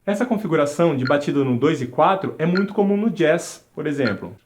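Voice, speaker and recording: A man's voice: a little high, lively intonation, fairly quick. A man teaching a music lesson, counting beats aloud and chanting syllables along with a metronome. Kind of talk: instructional video lesson.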